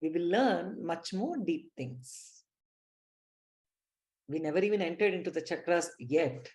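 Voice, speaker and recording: A woman's voice: lowish voice, expressive, unhurried, darkish tone. A woman with an Indian English accent leading a live online spiritual class, speaking emphatically and addressing her listeners directly. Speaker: spiritual teacher.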